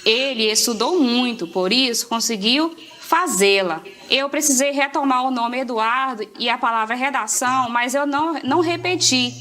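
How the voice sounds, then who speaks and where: A woman teacher explaining grammar in a clear, explanatory way. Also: high voice, moderate pace, few pauses, bright, forceful tone. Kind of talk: grammar lesson.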